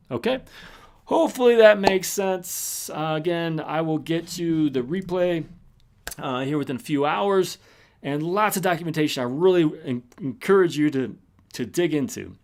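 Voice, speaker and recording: A man presenting a live webinar and answering questions in a loose, casual way, stopping and restarting often, while he is losing his voice. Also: mid-range voice. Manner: casual, full of fillers and restarts.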